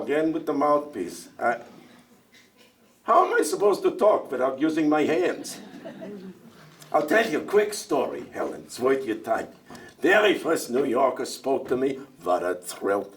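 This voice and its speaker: A chatty old immigrant dairyman. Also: medium pitch. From Russia. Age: older. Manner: talkative, joking, stammers and asks back. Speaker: stage actor in a one-man show. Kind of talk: theatrical monologue. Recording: stage voice heard from far off.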